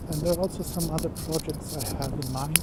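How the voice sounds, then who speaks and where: A vlogger, live-streaming a walk on city streets and narrating in an unhurried, hesitant way with fillers. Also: medium pitch, fairly even intonation. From Greece. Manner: unhurried, hesitant, pausing with fillers while walking. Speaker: vlogger giving a walking tour. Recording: loud outdoor street noise.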